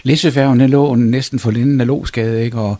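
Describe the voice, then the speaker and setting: A man's voice: medium pitch, fairly even intonation, dark tone, no room sound. A male historian, answering interview questions hesitantly, with many fillers and restarts. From Denmark. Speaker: historian guest.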